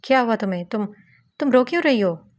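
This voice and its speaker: A woman voicing a playful, teasing young husband in an audiobook novel reading, with quick banter. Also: on the high side, lively intonation, lightly acted. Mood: worried.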